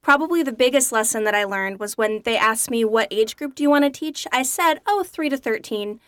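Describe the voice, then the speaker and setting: A woman's voice: a little high, lively intonation, a little fast, a bit bright, no echo, clean studio sound. A woman hosting a podcast in a chatty, upbeat way, often laughing as she talks. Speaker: podcast host. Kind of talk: casual podcast chat.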